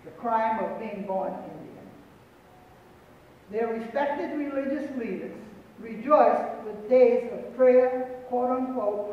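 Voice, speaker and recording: A man's voice: extremely high pitch, slight background noise. Solemn older man in an echoing hall. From Pequot territory, New England. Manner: solemn, deliberate, repeats phrases for emphasis. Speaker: panel speaker. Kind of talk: prepared speech at a panel. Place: auditorium stage, large indoor hall. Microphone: far room mic. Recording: echoey hall from far off, dull.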